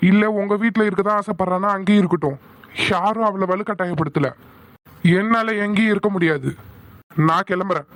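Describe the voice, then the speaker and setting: A man voicing a stubborn young husband in an animated family drama, curt and defiant. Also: high voice, fairly quick, no echo. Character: angry young husband, stubborn office worker.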